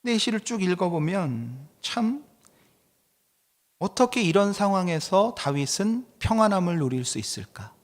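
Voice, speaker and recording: A man's voice: high-pitched, very animated, moderate pace, in a large hall. A middle-aged male pastor teaching a Bible study class. He reads scripture aloud and asks the congregation questions. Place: church hall.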